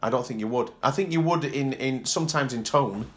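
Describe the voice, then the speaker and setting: Animated man musing in casual chat. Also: medium pitch, a little fast, a little hiss or hum. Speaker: podcast co-host.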